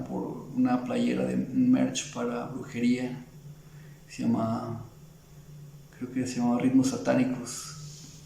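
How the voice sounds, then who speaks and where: A Mexican man speaks in a gravelly, heavily creaky voice with a dark, mellow tone, his Mexican Spanish accent plain throughout. He rambles through his story in a casual interview, leaning on fillers and restarting his sentences. His voice sounds roomy, with faint background noise. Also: medium pitch. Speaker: illustrator guest.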